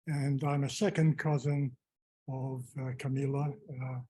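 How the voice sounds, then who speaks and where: Very dark-voiced man with Hungarian accent. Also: medium pitch, level tone, slight background noise, rough recording. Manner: hesitant, frequent "uh" pauses. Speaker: relative giving remarks. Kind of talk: spoken memorial remarks. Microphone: microphone at a gathering.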